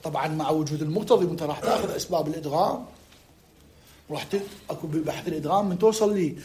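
High-voiced Iraqi man teaching a class. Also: noisy background. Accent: Iraqi Arabic. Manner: slow dictating, drawn-out words, quizzing students. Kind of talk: classroom lesson.

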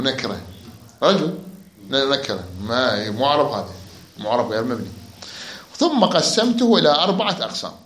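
A man's voice: medium pitch, a bit bright. A man teaching grammar, quizzing his students and repeating their answers. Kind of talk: classroom lecture. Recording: echoey room.

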